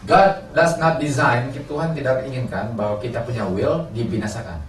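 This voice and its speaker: A man's voice: mid-range voice, moderate pace, a little hiss or hum. A man preaching a sermon, asking his congregation questions and answering them himself. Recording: roomy, from a distance, faint ambience.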